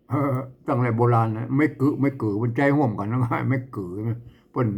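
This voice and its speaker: A male teacher explains old verse in an easygoing, conversational way. He sings out lines of the poem between his explanations and laughs often as he goes. His pitch swings widely and keeps the delivery animated.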